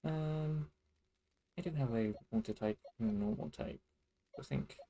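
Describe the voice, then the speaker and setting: A fellow player on a game stream giving quiet, hesitant, short replies. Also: medium pitch, unhurried, vocal fry, a little hiss or hum. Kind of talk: casual chat over gameplay.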